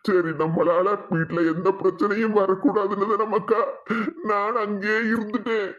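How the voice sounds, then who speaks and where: A man's voice: high-pitched, little pitch movement, normal speed, a bit bright, lo-fi sound. A man voicing a weepy, affectionate old village grandfather with a Kanyakumari Tamil accent in a cartoon.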